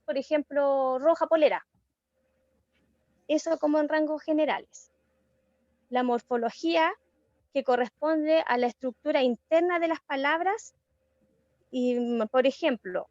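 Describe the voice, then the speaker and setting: Woman, student presentation, high voice, muffled call audio, explanatory with fillers. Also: a little mellow, no room sound. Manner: explanatory, measured, with hesitant fillers. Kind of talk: class presentation over video call. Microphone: video call.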